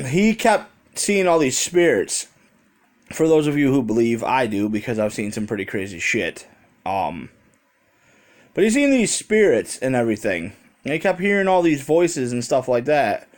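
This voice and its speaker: Holding his phone as he vlogs, a man from America tells a story in a loose, rambling way, throwing in casual curses. His voice sits on the higher side.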